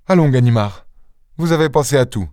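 A man's voice: mid-range voice, expressive, brisk, dark tone, no echo, clean studio sound, lightly acted. A man voicing a stern, commanding police chief. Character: anxious, authoritative male chief of police. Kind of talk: audiobook character voice.

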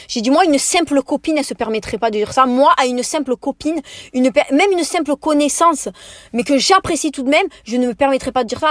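A young woman hosting a podcast, telling a personal story in an animated, indignant way with slangy asides. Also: fairly high pitch, dry recording, studio quality. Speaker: podcast host. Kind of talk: casual storytime monologue.

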